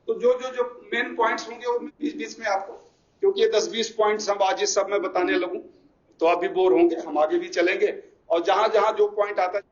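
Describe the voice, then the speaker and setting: Guy w teaching a class, highish voice, kinda far from the mic and muffled. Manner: explanatory, slowly repeats key English phrases. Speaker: teacher trainer. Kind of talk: classroom lecture. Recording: echoey, distant, dull classroom recording.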